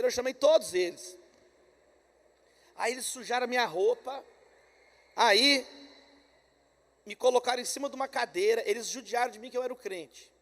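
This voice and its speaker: High-voiced Brazilian preacher in a hall. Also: male voice. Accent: Brazilian Portuguese. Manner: energetic storytelling, swings from loud calls to quiet asides. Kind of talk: conference sermon. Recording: long hall reverb.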